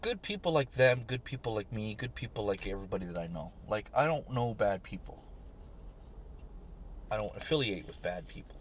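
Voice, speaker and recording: A man's voice: fairly low pitch, lively intonation, moderate pace, slight background noise. Man, tired vlog rant, swearing, irritated. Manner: swearing, ranting, rising to shouts. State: tired, short on sleep. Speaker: vlogger. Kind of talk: angry ranting vlog.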